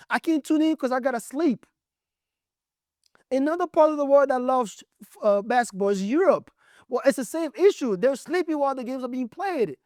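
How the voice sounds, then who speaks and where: A man's voice: very high voice, no room sound, clean studio sound. A man from Congo giving blunt, emphatic opinion commentary on basketball as the show's host. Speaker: sports commentator.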